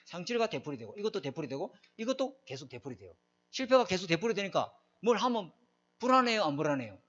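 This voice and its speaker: Emphatic middle-aged male pastor, slightly high voice, dull lo-fi recording. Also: big pitch swings, fast talker, a bit bright. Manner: emphatic, asks the congregation questions. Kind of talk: sermon.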